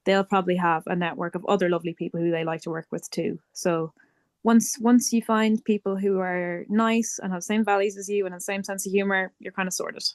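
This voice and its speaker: A woman's voice: mid-range voice, steady tone, brisk, no room sound, clean studio sound. Casting: female band member, Irish accent, mid-range voice, conversational and chatty, closely recorded. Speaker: band member being interviewed. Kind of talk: casual interview chat.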